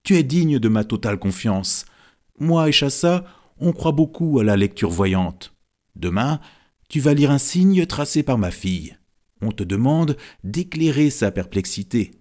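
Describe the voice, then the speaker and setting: A man's voice: medium pitch, sing-song, a little slow, a little mellow, pitched above the performer's own voice. A man voicing a chatty, teasing middle-aged wife and mother in an audiobook. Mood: playful. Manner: chatty, fond.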